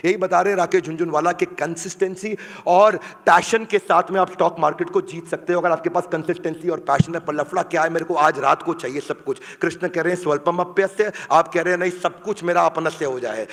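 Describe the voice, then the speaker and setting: Man, motivational stage speaker, high voice, echoing hall reverb, emphatic and repetitive. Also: vocal fry, a bit bright. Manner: emphatic, repetitive, leads audience chants. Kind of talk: motivational seminar speech. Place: large hall with live audience.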